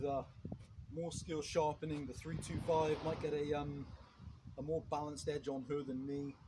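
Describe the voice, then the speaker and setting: A man on his own channel talks through a chainsaw in a loose, rambling way, full of restarts and fillers. His voice sits slightly high for a man. He is recorded outdoors, with clear background noise around him. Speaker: chainsaw vlogger. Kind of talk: casual product review.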